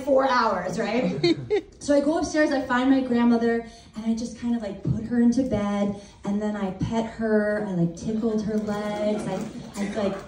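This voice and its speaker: A woman doing a stand-up comedy set, telling a story in a profane, animated way. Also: a little high, far from the mic, noisy background. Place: comedy club stage. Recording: echoey club mic heard from afar, loud crowd. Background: audience laughter.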